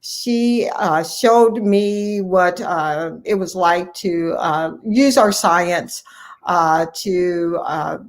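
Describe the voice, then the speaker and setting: A middle-aged American woman from Cleveland, Ohio, a family physician, appears as an interview guest and shares personal stories conversationally. Her voice sits on the low side and moves extremely slowly.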